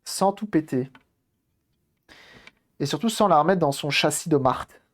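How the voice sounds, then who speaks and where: A man's voice: on the high side, expressive, measured pace, fairly bright tone. A man casually commenting on a live stream while repairing a game console, thinking aloud and greeting viewers as they arrive.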